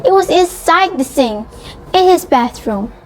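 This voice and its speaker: A woman reading a scripted children's story, phrasing each sentence deliberately and carefully. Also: very high voice, animated. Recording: faint background noise.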